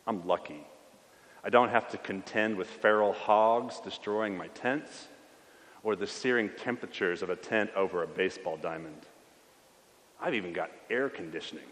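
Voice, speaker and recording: A man's voice: lowish voice, normal speed, a bit bright, lightly acted. A man speaking as a weary young refugee priest. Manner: wistful, weary first-person confession. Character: young male Syrian priest stranded as a refugee. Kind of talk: sermon monologue in character. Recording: long church reverb.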